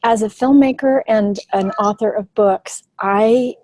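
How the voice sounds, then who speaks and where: A woman filmmaker leads a storytelling workshop in a webinar over a video call, teaching in an enthusiastic, fluent way. Her mid-range voice is unhurried and darkish, and the recording is dry and rough.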